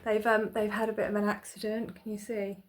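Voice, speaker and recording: A vlogger speaks briskly to a phone camera on a tripod in a small room at home, her medium-pitched voice completely flat, with slight background noise. Her talk rambles and turns self-deprecating, peppered with "um"s and restarts.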